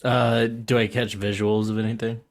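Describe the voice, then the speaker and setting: A man's voice: fairly low pitch, flat delivery, moderate pace, creaky. A man taking part as a player in a tabletop game, talking casually with lots of fillers.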